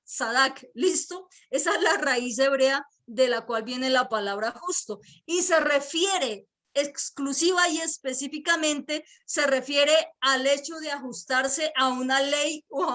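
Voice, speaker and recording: A woman from Colombia preaching a sermon in an earnest way, repeating key words slowly for emphasis. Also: high voice, a bit bright. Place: church service streamed online.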